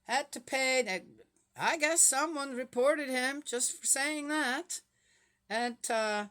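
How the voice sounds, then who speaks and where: A Swiss woman in her 60s, a vlogger reading the Bible, chats casually and rambles to her viewers while throwing rhetorical questions at them. Her voice sits high with a sharp tone, and she takes her time.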